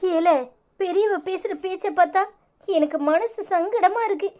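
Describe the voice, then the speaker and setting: A woman voicing a kindly, emotional elderly grandmother in a cartoon, speaking with a Tirunelveli Tamil accent in a soft, fond way. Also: extremely high pitch, measured pace. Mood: worried. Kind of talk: cartoon voice acting.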